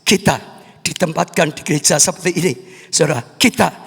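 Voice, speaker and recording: A man's voice: a little high, brisk, gravelly, a bit bright, a little hiss or hum. A man preaching a sermon, calling the congregation "brothers and sisters" and acting out quoted relatives. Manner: addresses congregation as "saudara", acts out quoted family members. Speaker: pastor. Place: church. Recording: echoey church hall.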